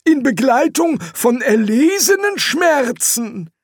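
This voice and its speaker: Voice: high voice, sing-song, slow pace, slightly rough, no echo, clean studio sound, voice pushed up, exaggerated voice. A reader voicing a mild-mannered older male prisoner in an audiobook, polite and pleading. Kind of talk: audiobook character voice.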